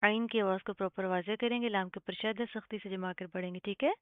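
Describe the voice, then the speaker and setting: A woman teaching Quran recitation, spelling out letters and reciting slowly and drawn out, often checking with "okay?". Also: medium pitch, fairly even intonation, no echo. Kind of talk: tajweed lesson with spelled-out recitation. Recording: tinny phone-like, dry sound.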